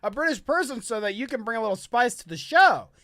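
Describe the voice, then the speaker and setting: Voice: medium pitch, sing-song, fast talker, a bit bright, no room sound. A podcast co-host in casual chat, playful and teasing, laughing often.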